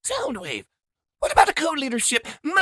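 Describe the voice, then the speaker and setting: A man voicing a shrill, scheming, cowardly male robot who screeches and pleads melodramatically. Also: big pitch swings, slow pace, sharp tone, no echo, clean studio sound, exaggerated voice. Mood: panicked pleading. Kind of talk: comic dub narration.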